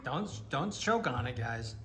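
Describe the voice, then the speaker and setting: A woman's voice: rumbling low, animated, unhurried, fairly bright tone, a little hiss or hum. A woman chatting casually with children as a mother running their challenge in a home video. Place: open-plan home kitchen and living room. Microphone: handheld camera from across the counter. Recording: echoey room with children's chatter behind.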